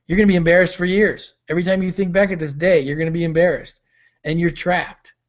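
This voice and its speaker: Middle-aged man, motivational mentor, storytelling, slightly high voice, muffled lo-fi call sound. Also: flat delivery, fast. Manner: storytelling, acting out quoted voices. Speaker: mentor and pastor. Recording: dull lo-fi call audio.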